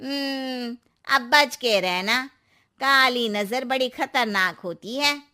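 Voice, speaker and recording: A superstitious older neighbour auntie, voiced by a woman for an animated story. She speaks slowly and knowingly, in a high, bright voice that lingers on each warning. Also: heavily acted. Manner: cautionary, knowing.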